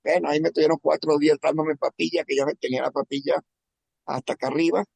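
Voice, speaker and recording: A man from Venezuela telling a personal testimony in a halting, emotional way, often repeating words. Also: on the high side, fairly even intonation, creaky, a little mellow, breathy edge, dry recording. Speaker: testimony speaker.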